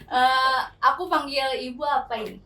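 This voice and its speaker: A woman's voice: high voice, steady tone, normal speed, sharp tone, far from the mic. A woman hosting a podcast, chatting in a bubbly, slangy way. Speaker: podcast host. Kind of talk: casual podcast chat. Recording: echoey room, voice from off-mic.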